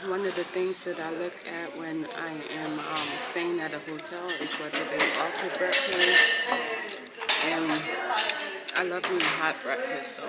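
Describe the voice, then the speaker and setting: A woman's voice: sits low, little pitch movement, moderate pace. A woman vlogger chats casually to her viewers while eating, chewing between phrases. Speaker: vlogger hosting a mukbang. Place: busy hotel breakfast dining area. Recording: noisy room with clattering dishes and cutlery.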